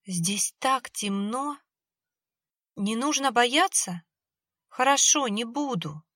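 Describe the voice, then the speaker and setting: A woman voicing a little girl who talks softly and haltingly as if in a dream. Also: on the high side, expressive, no echo, clean studio sound, voice pushed up, heavily acted. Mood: dreamy, faint.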